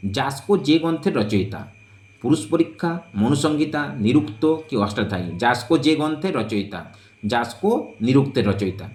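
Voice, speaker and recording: Slow deliberate man teaching exam prep. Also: medium pitch. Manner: slow, deliberate, drawn-out listing of options. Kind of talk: exam-prep lesson, reading quiz questions and options.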